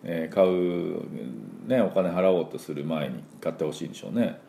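A middle-aged man giving a chatty spoken pronunciation lesson, full of fillers and slow demonstrations of sounds. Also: rumbling low, animated, creaky, mellow, echoey room, slight background noise. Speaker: English pronunciation teacher.

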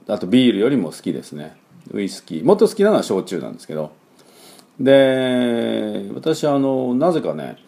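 Deep-voiced man in his fifties, chatty. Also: warm tone. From Kyushu, Japan. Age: 50s. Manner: rambling and chatty, full of fillers, drills words slowly. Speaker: English teacher and podcast host. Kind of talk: casual talk-show English lesson.

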